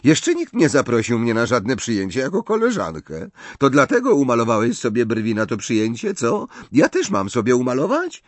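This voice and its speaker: A man's voice: medium pitch, huge pitch swings, normal speed, hardly any pauses, no room sound, voice pushed up. A man voicing a dreamy, blunt teenage schoolgirl with an airy, frank, lilting way of talking.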